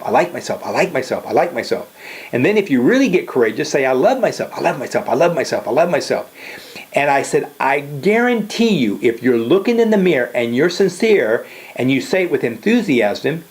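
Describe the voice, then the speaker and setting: A man's voice: a little high, a little mellow. An older man giving a motivational talk, emphatic and repetitive, often checking in with "okay?". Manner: emphatic, repeats "okay?" and "guess what". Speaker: motivational speaker.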